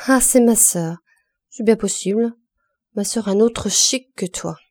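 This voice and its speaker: A woman voicing a spiteful young laundress who taunts loudly in a quick, mocking way. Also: medium pitch, no room sound, clean studio sound, close to an everyday voice.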